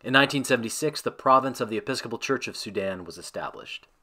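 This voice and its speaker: A man giving a scripted devotional narration that ends in a prayer, reading in a measured, reverent way. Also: medium pitch, lively intonation, bright, forceful tone.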